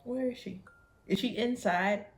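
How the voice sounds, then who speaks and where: An American woman hosts a reaction in a casual, colloquial style, talking straight back to what she watches. Her voice sits at a middle pitch for a woman. Music plays in the background. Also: unhurried, vocal fry. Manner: colloquial, talks back to the screen. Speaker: reaction show host.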